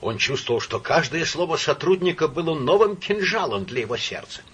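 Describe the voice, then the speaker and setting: A man narrates a novel in a husky, somewhat high voice. His reading is dramatic and expressive, with pitch that moves a lot. Storytelling audiobook. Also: brisk.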